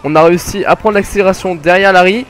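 A young man casually commenting his kart race, joking and rambling with sudden excited outbursts. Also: high-pitched, fast, faint music behind. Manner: jokey, rambling, self-mocking, bursts of excited yelling. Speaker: gaming commentator. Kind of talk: casual let's play commentary.

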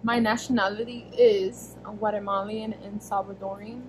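Poor audio with a little hiss or hum captures a young adult woman from the United States, her medium-pitched voice darkish and fairly even, at normal speed. Sitting in a small bedroom with a camera at arm's length framing her face tightly, she fields viewer questions in a rambling vlog full of fillers and self-corrections.

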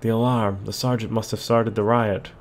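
A man's voice: on the low side, steady tone, normal speed, a little hiss or hum. A man hosting a let's play, casually commenting and reading the game's text aloud with a chuckle. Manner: reads on-screen text aloud, chuckles, hums along. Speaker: gaming channel host.

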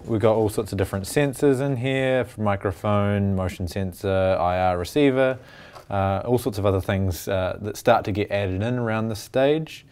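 A young man, a designer and studio founder, speaks reflectively in a documentary interview, often restarting his sentences and saying "uh." His voice is lowish, smooth and a bit dark, at a normal pace. He's recorded on a lapel mic in a large indoor design workshop.

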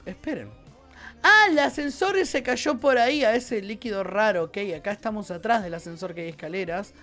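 A man's voice: sits high, lively intonation, normal speed, pushed and bright, faint music behind. A young man with a Rioplatense Spanish accent, giving chatty, playful commentary on a game as he plays it and reacting aloud to what happens. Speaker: gaming YouTuber. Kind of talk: let's-play game commentary.

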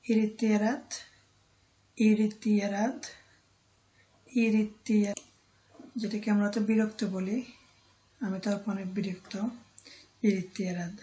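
A woman teaching a vocabulary lesson, repeating each word and pausing often with a filler word. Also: medium pitch, little pitch movement, warm tone, muffled recording. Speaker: language teacher.

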